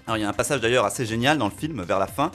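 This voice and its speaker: A man reviewing a film on a local radio show, talking in an animated way with fillers as he works through his points. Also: medium pitch, racing, soft background music. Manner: animated, reasoning aloud with fillers. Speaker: film critic.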